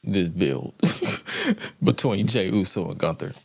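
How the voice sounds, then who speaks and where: A man's voice: sits low, huge pitch swings, takes it slowly, creaky, husky. A man co-hosting a casual wrestling talk, blunt, emphatic and given to swearing. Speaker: wrestling podcast co-host. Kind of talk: casual chat, opinionated commentary.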